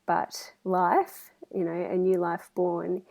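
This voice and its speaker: A woman's voice: lowish voice, completely flat delivery, slow pace, vocal fry, lo-fi sound. A woman talking casually as a podcast guest over a video call. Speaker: podcast guest, writer and communications specialist. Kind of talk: casual interview chat.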